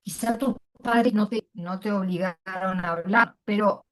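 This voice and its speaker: Argentine woman, middle-aged, panel speaker: thoughtful, halting delivery with restarts. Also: mid-range voice, fairly bright tone. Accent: Argentine Spanish. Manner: hesitant, many fillers and restarts. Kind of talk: casual personal testimony.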